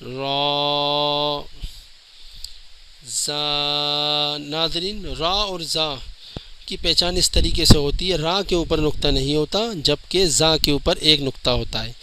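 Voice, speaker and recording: A man giving a step-by-step lesson on the letters, drawing out each letter sound slowly and clearly and often turning to address the viewers. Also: a little high, pushed and bright, slight background noise, rough recording. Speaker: Quran teacher.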